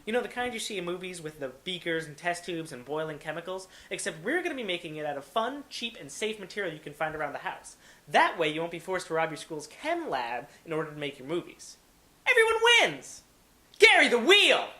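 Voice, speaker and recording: A man's voice: a little high, very animated, fast, a bit bright. A man hosting a how-to video tutorial, presenting step-by-step instructions.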